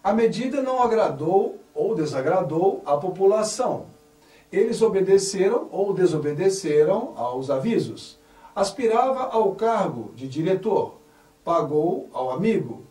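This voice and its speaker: A man's voice: high-pitched, dark tone. A man teaching a Portuguese grammar lesson, reading example sentences and stressing each correct form with care. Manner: spells out words carefully, stressing correct forms. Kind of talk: slow, deliberate grammar lesson. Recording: echoey room, voice somewhat far from mic.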